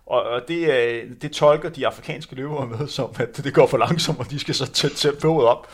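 A man's voice: medium pitch, breathy edge. A man who used to run, telling anecdotes in a rambling way with many fillers. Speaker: former runner telling stories. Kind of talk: casual anecdote chat.

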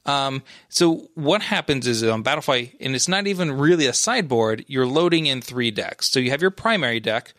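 A man co-hosts a laid-back gaming podcast and works through his points with frequent restarts and fillers. His voice sits at an ordinary pitch and is recorded close and dry, with no room sound. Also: animated, normal speed, hardly any pauses, a bit bright, no echo. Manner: rambling, many restarts and fillers. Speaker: podcast co-host. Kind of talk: casual esports chat.

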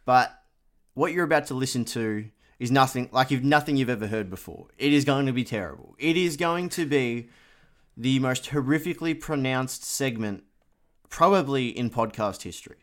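An Australian man with a mid-pitched voice delivers jokey betting tips as a podcast host. He talks in loud, matey lad banter, pushing each pick with mock drama and heavy emphasis. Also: lively intonation, moderate pace.

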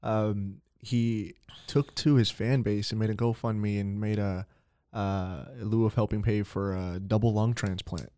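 A man co-hosting a comics podcast in casual chat, talking in a halting way with many ums. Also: fairly low pitch, fairly even intonation, mellow, dry recording, clean studio sound. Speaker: podcast co-host.

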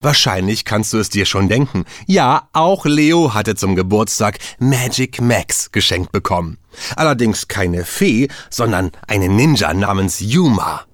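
A man's voice: on the low side, lively intonation, unhurried, dry recording, studio quality. A man narrating a children's story, playful and speaking directly to the listener.

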